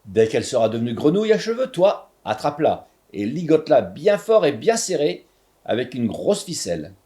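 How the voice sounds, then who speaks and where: A wise shopkeeper from a storybook explains things slowly in a low, patient voice, as a male reader plays him. His pitch stays lively and varied. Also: close to an everyday voice. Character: calm, wise grown man, a shopkeeper. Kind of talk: storybook reading.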